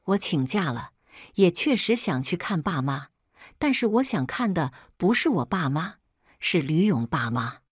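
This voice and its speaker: A woman telling a first-person story as scripted narration, reading in a steady, measured way. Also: lowish voice, slightly rough, no echo, studio quality.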